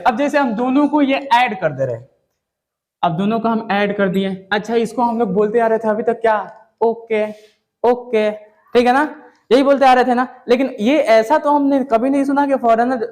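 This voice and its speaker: A man's voice: very high-pitched, darkish tone. A man teaching English pronunciation, casually drilling his class with repeated questions. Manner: repetitive, drilling students with questions; casual, says "yaar" and "bhai". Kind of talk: classroom lesson.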